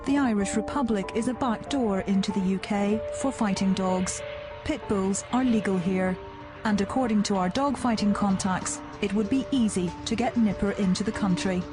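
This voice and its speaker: A woman's voice: mid-range voice, moderate pace. Woman narrating a documentary. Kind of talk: scripted narration. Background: music.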